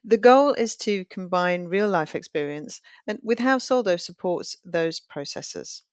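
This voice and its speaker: A woman's voice: fairly low pitch, expressive, a little slow, no echo. A woman hosting a webinar, reading a scripted introduction and asking friendly, upbeat questions. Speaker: webinar host.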